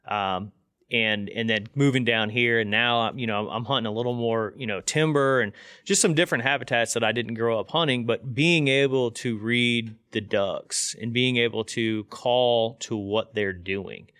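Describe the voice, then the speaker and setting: Male host for a conversational interview show: crisp, medium-pitched, informal delivery, very dry recording. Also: normal speed, fairly bright tone, no echo. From Indiana.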